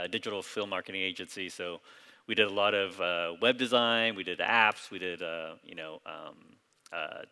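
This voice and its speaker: A man's voice: deep voice, smooth. Man presenting in a reverberant hall. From Hong Kong. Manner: relaxed, loose delivery with frequent fillers and restarts. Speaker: company founder presenting at a conference. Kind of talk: conference presentation. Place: large conference hall.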